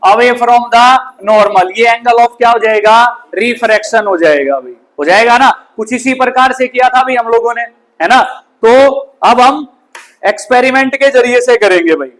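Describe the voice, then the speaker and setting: Male classroom science teacher with a very high voice, who quizzes the class and answers his own questions. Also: moderate pace, fairly bright tone, poor audio. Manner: asks the class questions and answers them himself; often ends lines with "bhai". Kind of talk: classroom physics lesson. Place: school classroom.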